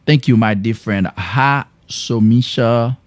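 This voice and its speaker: This French-accented man speaks slowly at a mid-range pitch, with no room sound and faint music in the background. Closing his live health education broadcast from a clinic, he showers his viewers with repeated thanks.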